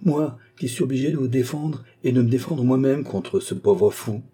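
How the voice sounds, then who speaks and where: A man's voice: mid-range voice, moderate pace, warm tone, slightly rough, pitched above the performer's own voice, close to an everyday voice. A man voicing a pompous, self-important middle-aged aristocrat in a read-aloud novel, speaking with haughty declamation.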